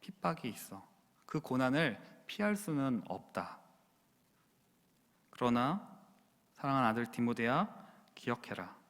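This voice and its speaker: A man's voice: medium pitch, big pitch swings, slow pace, long pauses. A man voicing an aged apostle who earnestly urges his young disciple to keep going, speaking in a fatherly, pleading way. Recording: long church reverb.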